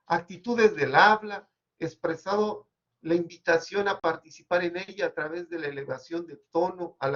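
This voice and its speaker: A man giving an academic seminar presentation, measured and explanatory with occasional hesitations, on a dull lo-fi recording. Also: fairly high pitch.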